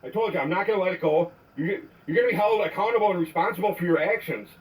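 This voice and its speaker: Angry male caller leaving a voicemail, high-pitched and swearing, heard from a distance. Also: fast. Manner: angry, accusing, swearing, repetitive. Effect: leaving a voicemail on a phone. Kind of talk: ranting voicemail.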